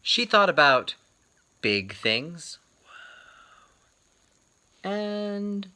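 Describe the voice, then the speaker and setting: A man with a high-sitting voice reads a children's book aloud in an expressive storytelling style. His phrasing is theatrical and deliberate, with dramatic pauses.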